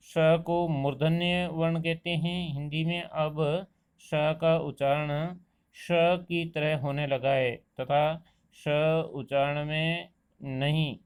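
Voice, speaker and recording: A man teaching a Hindi grammar lesson, explaining pronunciation slowly and deliberately and drawing out each example word. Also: a little high, clean tone. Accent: Rajasthani Hindi. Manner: slow, deliberate explanation, stretching out example words. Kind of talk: classroom lesson.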